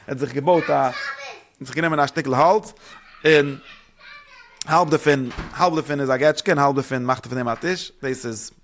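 A man giving a spoken religious lesson, rambling quickly and posing rhetorical questions to his listeners. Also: medium pitch, creaky, fairly bright tone, a little hiss or hum. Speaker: religious teacher.

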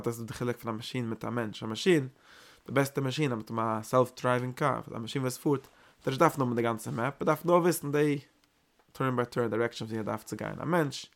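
A man with a gravelly voice teaching a Torah lecture at an ordinary pitch. He pushes out points in loud, emphatic bursts, then repeats and rephrases them with small hesitations.

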